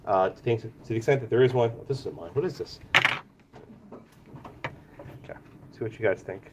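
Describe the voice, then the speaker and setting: In a law school lecture room, a law professor calls on students by name and presses them with questions, slightly congested, so his voice sits lower than usual. It's fairly low, expressive, and brisk, with heavy background noise.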